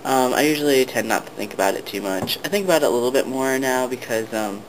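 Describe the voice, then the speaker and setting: Speaking quickly in a medium pitch, this young man vlogs casually to camera, stumbling through ums and false starts. The audio is poor, with constant background noise.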